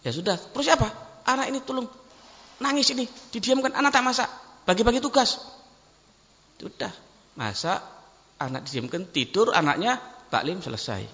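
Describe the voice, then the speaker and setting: Animated preacher in an echoey hall. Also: male voice, high voice, normal speed, pauses often. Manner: animated, acts out dialogue in shifting voices. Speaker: ustadz preacher. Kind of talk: sermon with storytelling. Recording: muffled, echoey hall recording.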